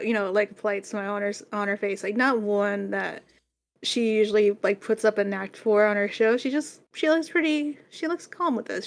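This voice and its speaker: Chatty female tabletop player, filler-heavy casual delivery. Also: mid-range voice. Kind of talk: casual tabletop play chat.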